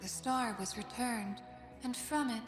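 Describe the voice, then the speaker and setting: A woman voicing a calm, patient lamb spirit of death in a video game, speaking in measured, poetic lines. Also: a little high, natural voice. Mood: serene, tender. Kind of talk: dramatic game character dialogue. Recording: music behind the voice.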